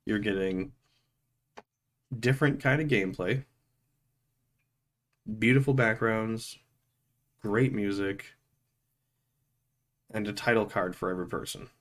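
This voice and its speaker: Low-voiced man casually reviewing a game. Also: fairly bright tone. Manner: rambling, conversational, pausing to find words; informal, tongue-in-cheek.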